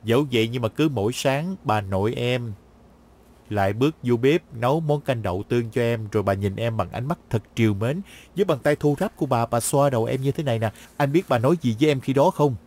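A man's voice: medium pitch, a little fast, a little mellow, natural voice. A man playing a chatty, cocky detective. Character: cocky young male detective, a con artist inside. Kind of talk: dubbed drama. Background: background music.

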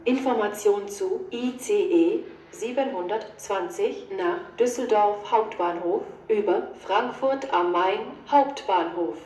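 A woman with a standard German accent reads scripted automated platform announcements in a measured, segmented, neutral delivery over a train station loudspeaker. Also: mid-range voice. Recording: echoey station PA, clear background station noise.

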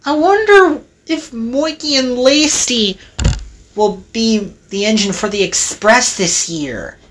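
A woman voicing a cheerful, bossy female steam engine in a high, scolding voice. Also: lively intonation, slow pace, fairly bright tone, a little hiss or hum. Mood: bossy, chatty.

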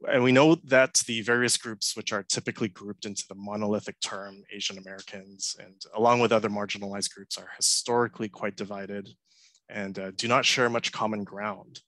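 A man in his thirties, from Hong Kong, giving a prepared conference talk over a headset on a video call, earnest and measured with many uh fillers. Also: fairly low pitch, fairly even intonation, fairly bright tone, dry recording, rough recording. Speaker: conference speaker. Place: home room, indoors. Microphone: headset mic on a video call.

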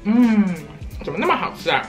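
A young woman hosts a casual eating vlog from home. Her voice sits low but rings bright and swings widely in pitch as she chats playfully and slips into silly sing-song bits. Soft music plays faintly underneath. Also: big pitch swings, a little fast. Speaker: vlogger.

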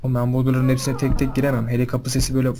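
A young man giving casual commentary on a horror game, chatting to his viewers and panicking loudly when scared. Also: medium pitch, completely flat delivery, racing, noisy background. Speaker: gaming video host.

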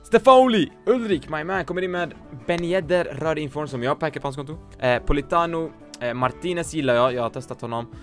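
A man reviewing viewers' football game teams in casual commentary, blunt and joking, swearing often and mixing in English slang. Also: on the high side. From Sweden. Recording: faint music behind.

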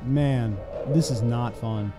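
A man's voice: medium pitch, takes it slowly. A tired young man co-hosting a casual let's-play, laughing often and making sardonic remarks. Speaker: co-host. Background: game music.

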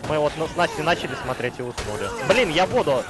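A man's voice: a little high, big pitch swings, quick pace. A young man chatting casually during a game, rambling and joking and often repeating himself. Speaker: gamer in co-op let's play. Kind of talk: casual chat while gaming. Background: music.

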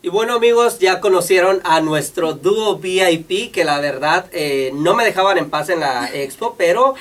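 A man hosting a television show, presenting segments in a relaxed, chatty way. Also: high voice, moderate pace, distant mic, a little hiss or hum. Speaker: TV show host.

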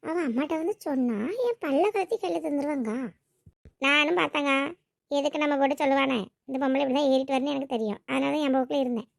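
This is a meddling village neighbor woman, played by a woman, chattering and grumbling. Her voice sits high with a gravelly edge. The recording is dry and close. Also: fast talker, no room sound. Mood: gossipy. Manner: chattering, self-pitying grumbling.

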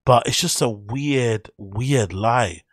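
A man's voice: medium pitch, slow pace, no room sound, studio quality. A man hosting a podcast, commenting casually and skeptically while reading through posts and an article on screen, rambling and correcting himself as he goes. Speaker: podcast host. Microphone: studio mic on boom.

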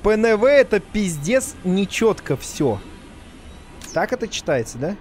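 A man in his thirties doing casual live game commentary, joking and swearing as he reacts out loud. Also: sits high, very animated, unhurried, slight background noise. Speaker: game streamer. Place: indoor room, streaming setup. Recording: music and game sounds behind. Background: game music and effects.

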